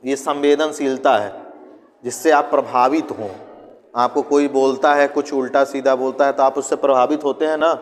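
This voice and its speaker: A male teacher gives a conversational classroom lecture in a medium-pitched voice, asking and answering his own questions and briefly acting out students and parents. The sound has a big-room quality.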